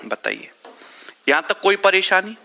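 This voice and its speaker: A man's voice: sits high, sing-song, a little slow, sharp tone. A male math teacher, leading a live online class, working through sums step by step and teasing students by name.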